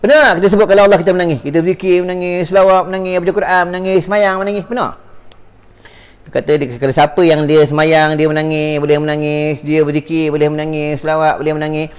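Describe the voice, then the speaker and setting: A man with a Malaysian Malay accent delivers a preachy religious sermon, repeating phrases and calling out to his audience as "tuan-tuan." His voice is on the high side and smooth, with little pitch movement, and he talks fast.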